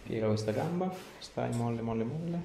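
With a mellow, medium-pitched voice and lively intonation, a man talks fairly quickly while giving hands-on instructions during treatment. He is a chiropractor coaxing his patient in short, repeated directions inside a small, echoey clinic room with clear background noise.

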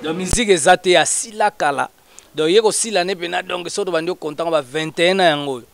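A man talking in an animated, casual way, switching between Lingala and French. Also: high voice, fast, vocal fry, slight background noise.

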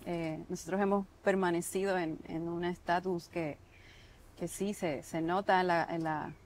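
Here the same Puerto Rican chef, a woman in her thirties from Puerto Rico, sounds lower-pitched and unhurried, her intonation mostly level. She considers each interview question carefully, often starting over and using fillers. Her accent is Puerto Rican Spanish, captured by a lapel mic on an outdoor patio.

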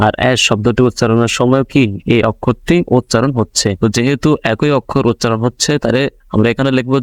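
A man's voice: medium pitch, no room sound. A man with a Bangladeshi Bengali accent teaching young pupils in an online video lesson, patiently asking questions and answering them himself. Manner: patient, repetitive, asks and answers his own questions.

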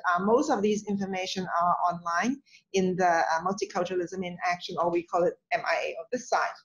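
Woman on a video call introducing a guest, friendly, lots of uh and um, audio a bit muffled. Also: mid-range voice. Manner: friendly, hesitant with many fillers, laughs easily. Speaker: workshop host. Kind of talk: bilingual online introduction. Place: indoor office.

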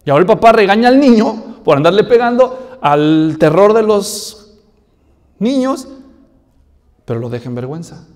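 A man's voice: high-pitched, big pitch swings, normal speed, long pauses, a little mellow, in a large hall. A male pastor preaching a sermon, telling a story and asking rhetorical questions.

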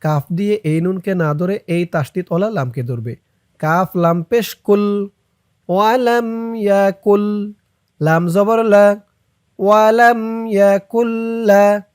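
A Bangladeshi man leads a recitation lesson in a smooth, high voice, spelling each letter and vowel at a very slow pace. He chants each word drawn out, then explains briskly. The sound is dry and close, with no room around it. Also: darkish tone, no room sound. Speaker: Quran recitation teacher.

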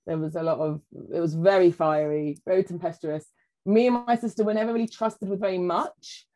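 A woman talks in a relaxed, chatty way, spinning family stories and acting out the voices of the people in them. Her voice sits a little low for a woman. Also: fairly quick, rough recording. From England. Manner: animated storyteller, acts out quoted voices, frequent "like" and "you know". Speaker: podcast guest, food writer. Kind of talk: casual chat.

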